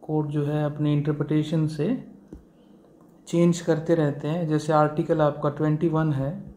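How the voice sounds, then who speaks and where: A man's voice: fairly high pitch, level tone, a little slow, dark tone. A man giving a law lecture, explaining step by step and mixing in English legal terms, with fillers and rhetorical questions. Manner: asks the class rhetorical questions. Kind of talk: classroom lecture.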